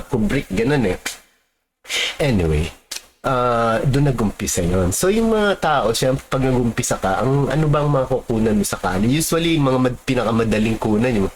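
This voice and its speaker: A man's voice: medium pitch, a little hiss or hum. Rambling Filipino man, casual talk. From Philippines. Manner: rambling, many fillers and tag questions. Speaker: street photographer.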